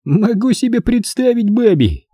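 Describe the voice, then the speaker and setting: A man's voice: high-pitched, very animated, measured pace, warm tone, slightly rough, dry recording, studio quality, voice pushed up, full character voice. A man playing a sneering, mocking young thug. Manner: mocking, nasty, drawling. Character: sneering, drunk-acting young man with a gun. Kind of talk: audiobook character voice.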